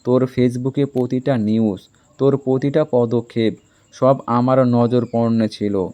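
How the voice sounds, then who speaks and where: A man's voice: mid-range voice, steady tone, dark tone, highs cut off, lightly acted. A man reading a domineering young captain. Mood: stern possessive. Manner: slow, stern, emphatic.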